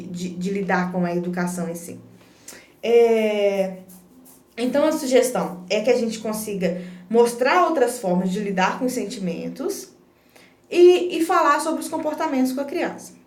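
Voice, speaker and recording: A woman's voice: a little high, darkish tone, recorded from a distance. A woman giving an earnest, explanatory parenting talk in a casual live stream, often restarting her phrases. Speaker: parenting educator. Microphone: phone. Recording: roomy echo, phone held back from the speaker.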